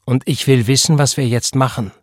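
Man voicing a defiant young woman, cold, taunting, husky, slightly raised pitch, dry close sound. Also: moderate pace, darkish tone, dry recording, lightly acted.

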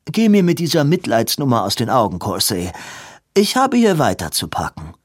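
A man's voice: medium pitch, wildly swooping pitch, normal speed, husky, no room sound, studio quality. A man voicing a haughty aristocratic lord who speaks with cold, affected disdain.

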